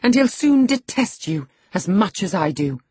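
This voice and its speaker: A narrator voicing a reckless, sharp-tongued young woman, pert and taunting, in an audiobook. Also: mid-range voice, steady tone, measured pace, husky, dry recording.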